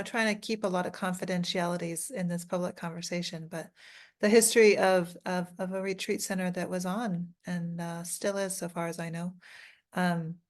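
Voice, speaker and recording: A woman podcast host asking a guest careful, hedged questions. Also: on the low side. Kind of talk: interview questions.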